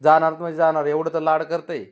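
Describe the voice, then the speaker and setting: A man's voice: fairly high pitch, monotone, fast talker. A man coaxing his pet cat in affectionate, sing-song baby talk, calling it over and over. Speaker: cat owner. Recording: roomy echo.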